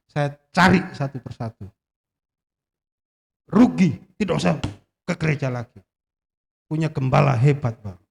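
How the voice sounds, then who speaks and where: A man giving an animated sermon as a guest preacher in a church, joking with the congregation and asking it questions. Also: on the high side, vocal fry, long reverb tail.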